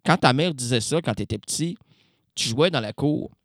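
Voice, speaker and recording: A man with a Québécois accent hosting a late-night radio show, rambling erratically in an absurd live monologue that jumps between shouts and mumbles. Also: mid-range voice, expressive, moderate pace, no echo, studio quality. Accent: Québécois French. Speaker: radio host.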